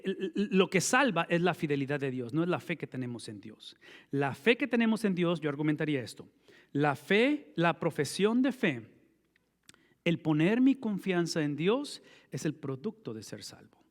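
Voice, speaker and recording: A man preaching a sermon as pastor, speaking, asking rhetorical questions and answering them himself, swinging between emphatic stresses and quiet asides. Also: on the high side. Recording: long reverb of a large hall.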